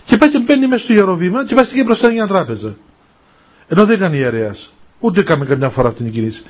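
Husky older monk telling stories. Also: male voice, high voice, lively intonation. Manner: unhurried, tells stories acting out dialogue. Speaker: monastic elder answering questions. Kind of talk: spiritual talk with storytelling. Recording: dull lo-fi recording.

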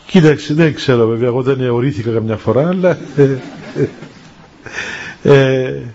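A man, a monastic elder, giving a spiritual talk and telling stories with acted-out dialogue in an unhurried way. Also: medium pitch, warm tone, a little hiss or hum. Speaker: monastic elder answering questions. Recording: dull lo-fi recording.

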